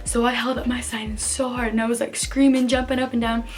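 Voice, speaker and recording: A woman telling a casual storytime vlog, filling her talk with "like" and getting excitable when she quotes people. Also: brisk, faint music behind. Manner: chatty, filler-heavy telling with many "like"s; excitable, jumps high when quoting voices. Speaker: vlogger.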